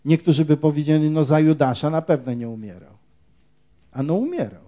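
A man's voice: a little high, animated, fairly quick, mellow. A man preaching a sermon, quoting scripture and putting rhetorical questions to his congregation. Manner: quotes scripture.

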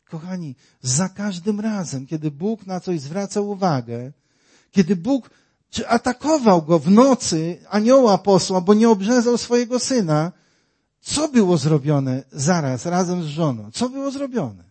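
High-voiced, dramatic male preacher. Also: very animated, measured pace, mellow, husky. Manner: dramatic, rhetorical questions, acts out voices. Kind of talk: sermon.

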